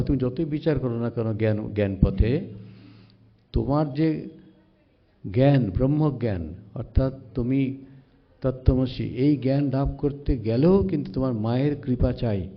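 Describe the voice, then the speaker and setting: A monk giving a devotional sermon, reciting verses slowly and retelling sacred stories in a measured way. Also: male voice, mid-range voice. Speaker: monk giving a spiritual discourse. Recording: slightly dull lo-fi recording.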